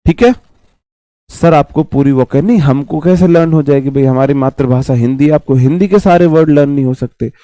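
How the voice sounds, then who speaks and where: Hoarse male teacher, sore throat. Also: on the high side, normal speed, warm tone, no echo. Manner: chatty, repeats himself, calls students "bhai". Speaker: exam coaching teacher. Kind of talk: online vocabulary class. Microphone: mic placed close.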